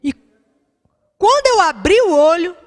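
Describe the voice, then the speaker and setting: A woman's voice: very high voice, lively intonation, normal speed, fairly bright tone. A woman pastor, preaching a fervent sermon and calling out to the congregation.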